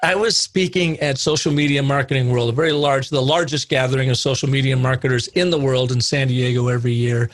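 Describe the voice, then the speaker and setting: A middle-aged man tells a long anecdote on a podcast with lively energy, slipping into the voices of the people in his story. His voice sits at a middle pitch. The sound is dry and close, with no room echo. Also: a little fast, few pauses. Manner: animated anecdote teller, acts out quoted dialogue. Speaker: guest, storytelling consultant.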